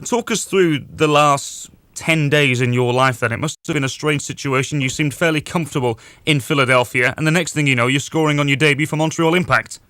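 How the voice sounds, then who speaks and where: A man's voice: on the high side, brisk, few pauses, pushed and bright, dry recording. A man hosting a sports radio show, presenting segments and interviewing a guest. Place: dry radio studio.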